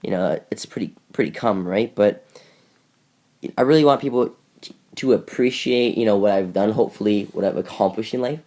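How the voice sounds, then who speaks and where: Fast-talking young man, low voice. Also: darkish tone. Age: young adult. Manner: earnest, thoughtful, hedges with "you know". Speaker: podcast co-host. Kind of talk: casual chat.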